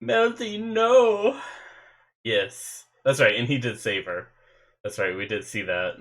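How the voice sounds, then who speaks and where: Speaking slowly in a medium pitch, a stuffy-nosed young man hosts an anime reaction from his bedroom, chatting casually into a desk webcam setup. He rambles excitably, with lots of fillers and restarts.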